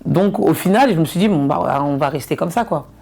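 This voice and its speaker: A woman's voice: low voice, expressive, brisk, vocal fry, dark tone, breathy edge. A woman from Ivory Coast, a comedian and influencer, chatting casually in an interview and repeating words for emphasis.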